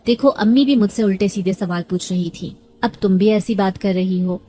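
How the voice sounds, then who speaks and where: A man's voice: high-pitched, mellow, a little hiss or hum, close to an everyday voice. A woman voicing a young husband in a storybook reading, earnest and reassuring. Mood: pleading.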